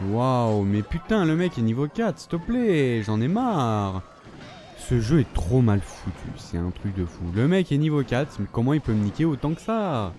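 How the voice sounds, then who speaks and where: A young man with a French accent, his voice worn hoarse, giving live commentary on a mobile game and swearing angrily at his opponents. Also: medium pitch, sing-song, warm tone, slight background noise. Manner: swears a lot, quick to anger, rants at opponents. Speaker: gaming video creator.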